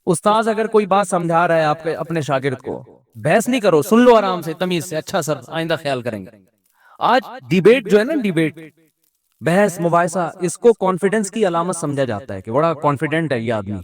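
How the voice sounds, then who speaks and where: Pakistani urdu preacher guy, middle-aged, pretty high voice, chatty sermon, acts out little quotes. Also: lively intonation. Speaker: religious preacher. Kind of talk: Islamic sermon.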